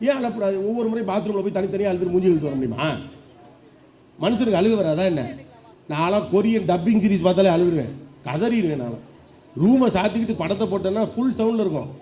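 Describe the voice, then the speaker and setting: A middle-aged man giving a lively motivational speech to an audience, firing off rhetorical questions and acting out voices. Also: high-pitched, fast talker. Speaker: public speaker. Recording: dull lo-fi sound with faint background noise.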